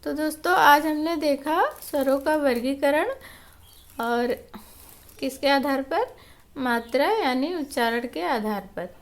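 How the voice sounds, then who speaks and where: Woman teacher, high voice; patient, repetitive lesson delivery. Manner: patient, repeats points slowly with examples. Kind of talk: classroom lesson explanation.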